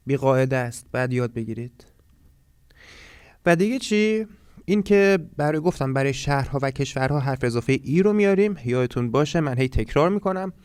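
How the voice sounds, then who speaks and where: A man teaching a language lesson from a textbook, reading foreign words slowly and explaining them step by step. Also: fairly high pitch, clean tone, no room sound, studio quality. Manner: explains step by step, reads Swedish words slowly then translates.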